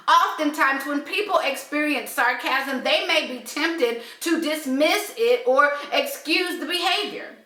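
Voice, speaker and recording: A woman speaks earnestly about faith and relationships, leaning on slow emphasis for key points. Her voice sits high and sounds bright and crisp. The room around her rings with a noticeable echo. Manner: earnest, measured, with slowed emphasis. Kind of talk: reflective talk on faith and relationships.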